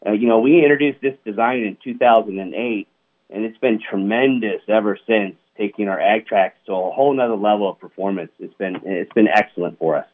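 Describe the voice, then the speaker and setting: On a tinny phone line, a product manager guest with a voice on the low side speaks fairly quickly. He stays upbeat throughout the interview and keeps reaching for "you know."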